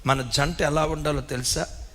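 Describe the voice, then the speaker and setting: A man preaching a sermon as pastor, swinging his pitch widely and calling for amens. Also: fairly even intonation, a little slow, a bit bright. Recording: reverberant hall.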